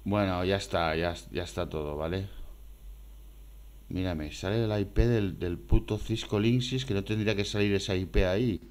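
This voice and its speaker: Deep-voiced man casually demoing his desktop. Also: normal speed, darkish tone. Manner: rambling, thinks aloud, repeats himself. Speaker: screencast maker. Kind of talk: casual screen-recorded demo.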